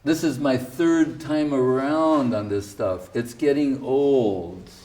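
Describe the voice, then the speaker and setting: A man's voice: medium pitch, takes it slowly, warm tone, far from the mic. A man giving an informal spiritual talk, telling stories about his teacher with wry asides. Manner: anecdotal, wry asides, quotes others. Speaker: speaker recounting his guru's teachings.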